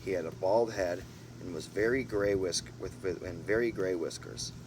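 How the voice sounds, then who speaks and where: The deep-voiced man, speaking at normal speed, is an amateur narrating a storybook with asides. His reading is casual, with the odd stumble he goes back to correct, and his home recording is noisy with a steady hum beneath it.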